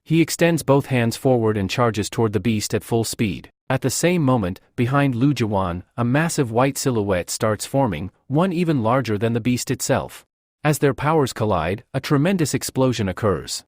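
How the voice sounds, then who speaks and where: A man narrating a comic recap in an even, storytelling delivery. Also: medium pitch, moderate pace, no room sound, studio quality.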